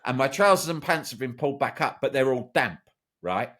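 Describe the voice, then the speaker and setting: A man on a podcast telling a story from his school days in a casual, animated way. His voice sits at an ordinary middle pitch, and he swears freely as he goes. He keeps checking in with his listener with a quick "right?". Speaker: podcast guest, journalist and broadcaster.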